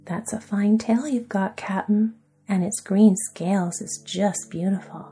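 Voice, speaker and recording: A woman softly voicing a brave, cheerful little girl in a whispered role-play sleep story. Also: medium pitch, fairly even intonation, measured pace, husky, soft background music. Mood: eager. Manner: soft and hushed.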